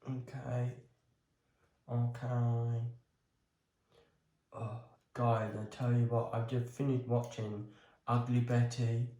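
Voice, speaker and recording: Slow and level, with long pauses, this man's medium-pitched, mellow voice comes through with lo-fi sound and roomy echo. Vlogging while he tends a bonsai, he talks through every step casually, hesitating with lots of ums.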